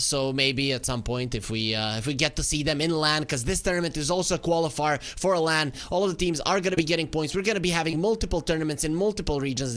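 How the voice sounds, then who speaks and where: A man's voice: mid-range voice, a bit bright. Upbeat esports caster, man. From Serbia. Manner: upbeat, self-joking, reads out rosters. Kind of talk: live esports commentary.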